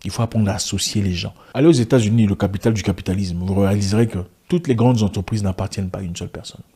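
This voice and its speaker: An online video commentator, a man whose first language is an African language rather than French, delivers an impassioned monologue to camera, full of rhetorical questions and frequent restarts. His voice is fairly low, fast and dark, with a breathy edge.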